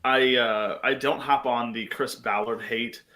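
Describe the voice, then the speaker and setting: A man co-hosting a sports podcast, talking in a chatty, excitable way with many fillers. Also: mid-range voice, measured pace, poor audio. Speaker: podcast co-host. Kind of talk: casual sports chat.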